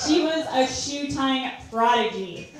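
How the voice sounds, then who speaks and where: A young woman giving a prepared wedding toast as maid of honor, telling stories deliberately with pauses for comic effect. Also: sits high, animated. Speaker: maid of honor, sister of the bride. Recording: very echoey room, far from mic, faint noise.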